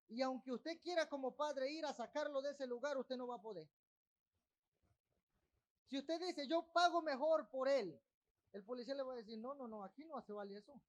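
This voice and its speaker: A man preaching a sermon as pastor of a church, breaking off with asides to the congregation. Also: very high-pitched. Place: church in Texas.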